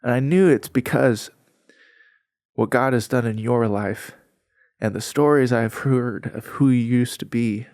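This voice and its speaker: A man's voice: mid-range voice, measured pace, darkish tone, no echo, studio quality. A young adult man, a podcast guest, telling his personal faith story in an earnest, heartfelt, conversational way, often saying "like".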